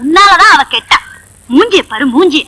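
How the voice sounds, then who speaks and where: An actress playing a scolding village mother who wails and shouts at her daughter, in a film scene. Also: very high-pitched, animated, normal speed, slight background noise, heavily acted, poor audio. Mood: complaining. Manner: loud wailing, scolding. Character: shrill scolding village mother, middle-aged. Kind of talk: 1980s film dialogue.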